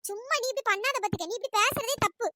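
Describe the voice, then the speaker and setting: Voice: extremely high pitch, quick pace, background noise. A performer voicing a young daughter who firmly rebukes her mother in a cartoon. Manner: firm, reproachful. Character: firm young daughter, defending her sister-in-law. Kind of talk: cartoon voice acting.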